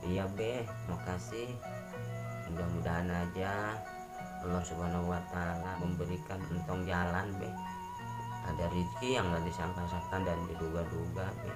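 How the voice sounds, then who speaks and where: Man playing a humble young religious student, polite and pleading, low voice, loud music behind. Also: fairly even intonation, moderate pace, lightly acted. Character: humble pious young santri son.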